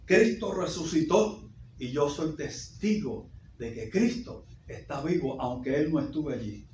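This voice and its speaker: Male pastor, fairly high voice, slow deliberate sermon delivery, reverberant sanctuary. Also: lively intonation, a little hiss or hum. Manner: preaching with repetitions and sudden loud peaks. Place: church sanctuary. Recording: echoey dull church recording.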